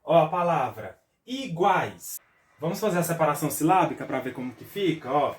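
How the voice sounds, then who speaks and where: A man with a Brazilian Portuguese accent teaches a recorded review lesson for schoolchildren, his voice sitting a bit high. He explains step by step, spelling things out and checking in with his pupils. The sound is roomy, with the mic some distance from him. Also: animated, moderate pace. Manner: patient, explains step by step with frequent "tá?" check-ins and spelled-out syllables.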